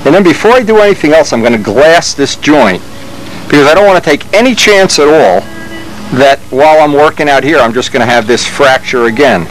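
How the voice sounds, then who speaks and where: Faint music plays behind this man's slightly high, slightly quick voice as he repairs a model plane. He's a hobbyist giving a casual, unscripted how-to, thinking aloud while working, and a steady machine hum fills the noisy workshop.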